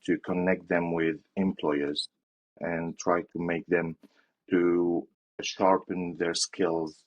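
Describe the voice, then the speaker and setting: A man's voice: low-pitched, level tone, takes it slowly, lo-fi sound. A young man from Syria answering interview questions in a hesitant way, with fillers and restarts. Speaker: interview guest.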